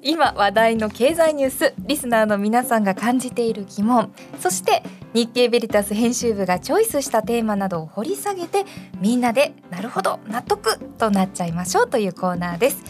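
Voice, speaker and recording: Lively female radio host. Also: on the high side. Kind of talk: radio presenting with conversational responses. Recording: faint music behind. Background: music.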